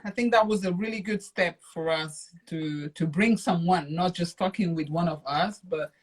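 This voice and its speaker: Lower-voiced portuguese woman hosting a live video chat from home, chatty, laughs a lot. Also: normal speed. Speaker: live-stream co-host. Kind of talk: casual live-stream chat. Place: at home in London. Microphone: video call.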